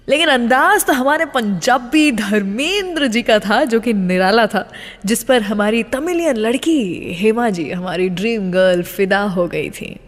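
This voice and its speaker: Hosting a radio show, a woman with an Indian accent and a slightly high voice tells scripted stories and introduces songs with dramatic emphasis. Long reverb trails her voice.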